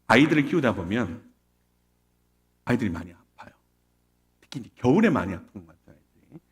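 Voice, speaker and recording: A man's voice: medium pitch, sing-song, quick pace. A middle-aged man preaching a sermon as a pastor, telling a personal story in a conversational way with rhetorical questions to the congregation.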